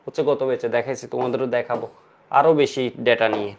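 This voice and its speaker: A man's voice: mid-range voice, fairly even intonation, quick pace, vocal fry, a little hiss or hum. A male chemistry teacher gives a lecture, asking questions and answering them himself and mixing in English terms. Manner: mixes English terms into his speech. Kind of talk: online lecture to students.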